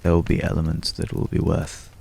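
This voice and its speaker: In an intimate ASMR roleplay, a man plays a courtly, world-weary old companion, using formal, archaic phrasing and long pauses in a gravelly low voice. The delivery is monotone and exaggerated with a darkish tone, and the mood feels courtly and tender.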